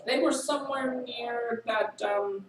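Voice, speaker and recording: A man narrating a tabletop game as dungeon master, halting and repeating his words with fillers. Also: extremely high pitch. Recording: echoey room, far from the mic, faint hiss.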